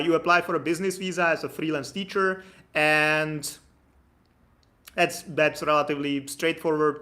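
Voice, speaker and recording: A man with a slightly high, somewhat bright voice, a native Czech speaker from the Czech Republic with a Czech accent, hosts a live stream as an immigration consultant. He talks casually, chatting and joking with his viewers.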